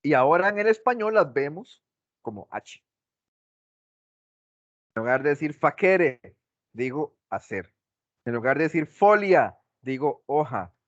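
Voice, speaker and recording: A man's voice: a little high, big pitch swings, measured pace, pauses often, no echo. A male teacher giving a class lecture, asking the class questions and repeating his examples, on a dull lo-fi recording.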